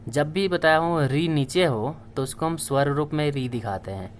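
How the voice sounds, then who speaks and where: A man's voice: fairly high pitch, lively intonation, moderate pace, slight background noise. A man teaching a language lesson, patiently spelling out letters one by one and repeating each word. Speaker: Sanskrit teacher. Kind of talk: slow classroom explanation.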